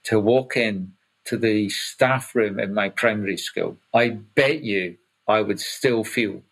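A Scottish man in his fifties, a coach co-hosting a podcast, explaining ideas in a casual, halting way with repeated words. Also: lowish voice, creaky, fairly bright tone, slightly rough, rough recording. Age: 50s. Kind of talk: casual conversational podcast chat.

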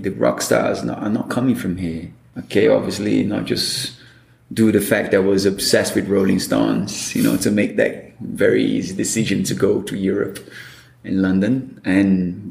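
A man with a Brazilian Portuguese accent is a guest in a storytelling interview, animatedly acting out quoted dialogue as he tells stories. His voice is gravelly and on the low side, and the room sounds echoey.

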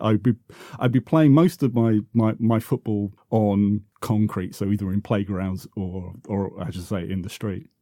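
A South London man in his fifties, a football podcaster, reminisces casually as an interview guest, hesitating and often correcting himself as he rambles. His voice sits on the low side and is mellow. The studio sound is clean, with no echo.

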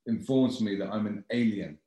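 A man's voice: on the low side, normal speed, dark tone. A man with an English accent telling a story in casual chat, in a dry, self-mocking way. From England. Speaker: guest. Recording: echoey room.

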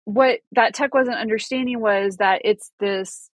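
A woman co-hosts a podcast in a mid-range voice at a measured pace, with no echo in the recording. She chats casually, rambling and restarting frequently while laughing at her own nerves in a self-deprecating manner.

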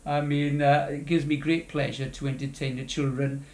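A man's voice: mid-range voice, level tone, moderate pace, darkish tone. An older man from South Wales giving a rambling, wordy interview with theatrical phrasing. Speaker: interview guest, charity fundraiser. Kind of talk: conversational interview. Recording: echoey room interview.

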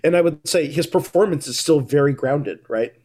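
Male host, slightly high voice, eager, casual discussion, rambling restarts. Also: moderate pace, a little mellow, breathy edge. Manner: enthusiastic, thinks aloud with restarts and tag questions. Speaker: podcast host.

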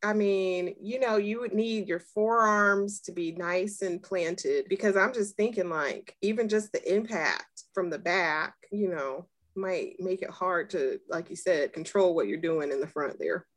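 Lower-voiced woman, relaxed candid chat. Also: unhurried, hardly any pauses. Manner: relaxed, affirming, frequent mm-hmms. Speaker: podcast co-host.

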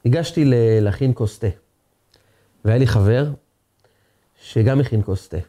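A man's voice: medium pitch, warm tone. A man giving an earnest sermon as a rabbi, acting out quoted speech as he teaches.

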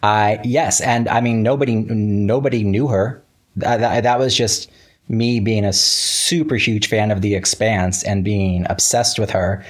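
A writer appearing as an interview guest chats casually in a fairly low, fairly even voice at a measured pace. He talks in stops and starts with hesitant false starts, often acting out past conversations and quoting himself.

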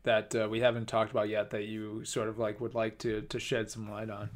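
A man hosting a podcast, talking casually with frequent pauses and restarts. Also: on the low side, monotone. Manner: hesitant, many fillers and restarts. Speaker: podcast host. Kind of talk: casual chat.

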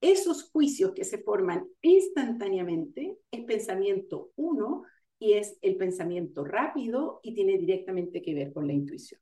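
A woman giving an online lecture on coaching, explaining ideas step by step and pausing with fillers to gather her thoughts. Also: medium pitch, big pitch swings, dark tone. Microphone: video call. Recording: roomy sound, far from the mic.

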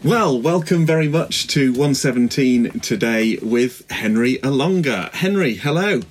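A podcast host with a mid-pitched male voice. He greets his guest warmly and sounds upbeat as he leads the conversation. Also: expressive, a little slow, soft background music. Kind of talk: podcast interview.

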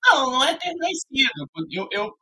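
A man from Rio de Janeiro with a Carioca accent, chatting as a guest in a relaxed, hesitant way with many fillers. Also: extremely high pitch, normal speed. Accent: Carioca Brazilian Portuguese. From Rio de Janeiro, Brazil. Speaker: guest, English teacher. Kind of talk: casual chat.

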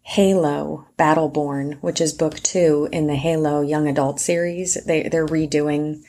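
A woman who narrates audiobooks, chatting as a podcast guest and telling stories in an animated way, often laughing. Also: deep voice, measured pace. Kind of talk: casual podcast chat.

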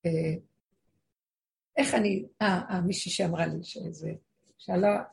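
A woman's voice: lowish voice, steady tone, gravelly, a little mellow. A woman teaching a religious lesson, explaining with frequent rhetorical questions to her listeners and acting out voices she quotes. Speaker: spiritual teacher.

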